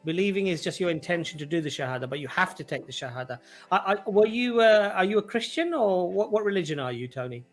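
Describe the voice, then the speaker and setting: A man hosting a call-in show, explaining calmly and patiently. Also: sits high, fast, hardly any pauses, faint music behind. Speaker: host.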